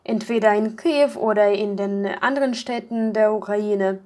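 A woman talking thoughtfully about a project in an interview, pausing often with fillers. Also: medium pitch, a little mellow. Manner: thoughtful, hesitant with many fillers. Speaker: project member. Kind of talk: casual interview talk.

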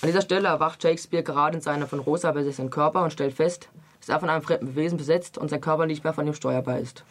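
A young man reading a novel excerpt aloud as a book reviewer, with a brisk, even delivery, then chatting casually about the book. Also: a little high.

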